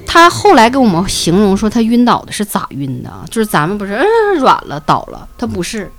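A woman with a Northeastern Mandarin accent telling a ghost story on a podcast. She is earthy and animated, swears freely, and acts out voices and sound effects. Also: medium pitch, brisk, faint music behind. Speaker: podcast co-host.

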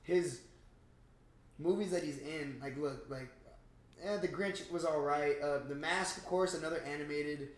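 In an echoey, roomy recording, a movie-review podcast co-host chats at an unhurried pace, cursing freely and wandering off topic. His pitch is fairly high.

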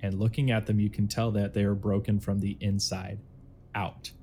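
A man runs a tabletop adventure as dungeon master, narrating casually with plenty of ums and likes. His voice sits a little low. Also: flat delivery, moderate pace, darkish tone, slight background noise.

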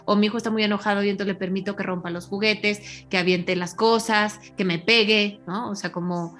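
A woman explaining parenting styles as a guest, in a measured way, checking in with frequent tag questions. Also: medium pitch, fairly even intonation, a bit bright, faint music behind. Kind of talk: explanatory conversation.

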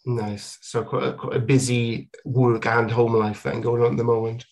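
A man hosting a podcast from the United Kingdom, chatting with a guest in a friendly interview. His talk is halting, full of ums and restarted phrases. His voice sits at an ordinary middle pitch. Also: flat delivery, a little mellow. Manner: hesitant, many ums and repeated words. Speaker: podcast host. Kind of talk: conversational interview.

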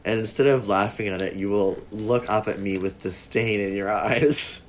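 A man's voice: fairly low pitch, fairly even intonation, normal speed. Blunt, profane male podcast co-host. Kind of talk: casual chat.

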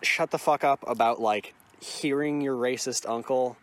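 Male podcast co-host, medium pitch, casual, halting, sweary delivery. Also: steady tone.

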